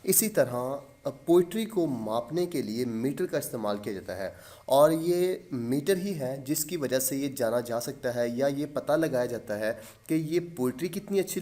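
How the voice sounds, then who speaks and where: Young male tutor, fairly high voice, patient and repetitive delivery with frequent fillers, mixes in english terms. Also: darkish tone. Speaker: teacher. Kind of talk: lecture explaining poetic meter.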